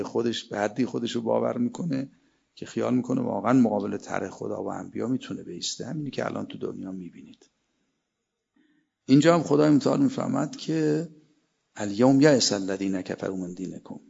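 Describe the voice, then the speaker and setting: A man's voice: mid-range voice, vocal fry, darkish tone, husky. A man giving a religious sermon, reciting Arabic verses between emphatic stretches of preaching. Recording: dull lo-fi sermon recording.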